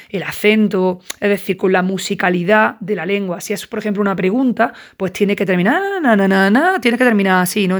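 A woman from giving a casual recorded university lecture, often tagging her points with questioning asides. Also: medium pitch. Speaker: university tutor.

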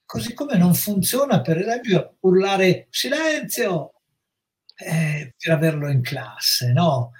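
A middle-aged man, a psychologist, explaining with measured, reflective pacing in an educational talk. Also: a little high. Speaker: psychologist guest.

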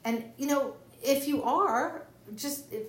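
A woman's voice: high voice, slow. A woman co-hosting a casual advice chat, speaking reflectively and drawing on her own experience. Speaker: podcast co-host. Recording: roomy echo.

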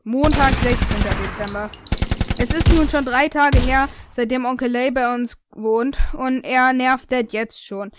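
A woman's voice: high-pitched, a little slow, noisy background. A young woman casually reading aloud a story she wrote, with slips and self-corrections. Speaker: reader of her own story.

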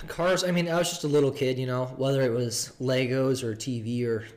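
A man's voice: medium pitch, fairly even intonation, normal speed. A man in his early twenties, a podcast guest talking casually in a laid-back, slightly nasal voice. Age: early 20s. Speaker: podcast guest, car photographer. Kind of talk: casual chat. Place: home dining room, indoors.

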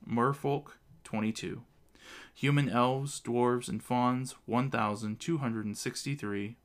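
A man narrating a fantasy story for an audiobook, telling it in an even way. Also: medium pitch.

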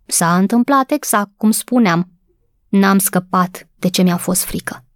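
A woman voicing a kind, tender-hearted young housemaid who speaks in a soothing, gentle way in a storybook reading. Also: medium pitch, no room sound, clean studio sound, natural voice.

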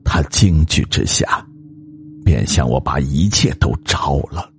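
A man voicing a young woman who poses as a vengeful ghost, shrill and wailing, then icy. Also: expressive, a little slow, a little hiss or hum, full character voice. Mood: sorrowful.

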